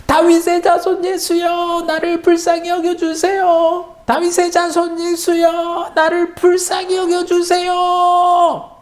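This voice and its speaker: A man voicing a desperate blind beggar who cries out in long drawn-out wails. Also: very high voice, completely flat delivery, voice pushed up. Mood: pleading wail.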